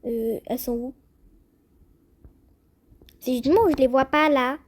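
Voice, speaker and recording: Excitable high-pitched young woman gamer. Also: unhurried, husky. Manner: chatty, excitable, addresses viewers directly. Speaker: gaming youtuber. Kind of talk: casual gameplay commentary.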